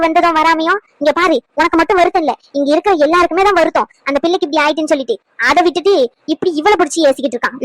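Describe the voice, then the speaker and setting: A woman's voice: very high voice, no room sound, low-quality recording. A woman voicing a blunt older mother-in-law in a cartoon, with a rustic, scolding way of talking. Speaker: cartoon character.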